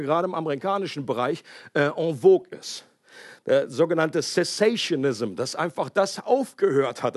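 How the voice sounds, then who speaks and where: German pastor guy preaching, fairly high voice, dry close sound, keeps asking the crowd stuff. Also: no room sound. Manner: lively preaching, asks the congregation questions, mixes in English words. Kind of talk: sermon.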